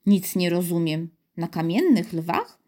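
A woman's voice: on the low side, animated, a little slow, dark tone, voice pushed down. A woman voicing a flustered, bewildered middle-aged male city mayor in a storybook reading, puzzled and slightly fussy.

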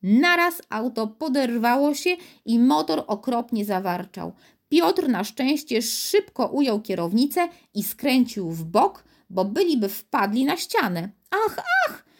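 A woman narrating a children's storybook in an expressive, measured reading. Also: a little high.

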